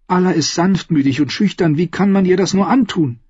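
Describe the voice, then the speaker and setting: A husky, fairly high voice of a defiant young queen, as a male audiobook reader puts her on, fearful but quick to flare into shrill anger. The audio is dry and a little dull. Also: darkish tone, no room sound. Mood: indignant. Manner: shrill, rising outbursts. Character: young queen, frightened yet fiercely defiant. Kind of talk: audiobook dialogue.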